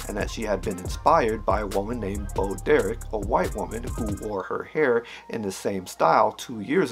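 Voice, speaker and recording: A middle-aged man giving earnest, articulate commentary in a measured, emphatic way. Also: fairly low pitch, vocal fry. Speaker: video creator giving commentary. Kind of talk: explanatory commentary to camera. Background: music behind the voice.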